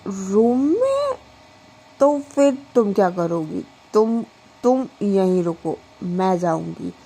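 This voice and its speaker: Brief: woman playing a tipsy lovesick young wife, slurred and childish, husky, slow. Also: mid-range voice, sing-song, warm tone, full character voice, low-quality recording. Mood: drunk bossy. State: drunk on bhang.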